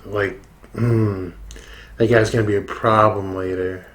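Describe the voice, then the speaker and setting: A man's voice: lowish voice, steady tone, a little slow. A man who is drunk, giving casual reaction commentary full of swearing and slang. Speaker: YouTube reaction host.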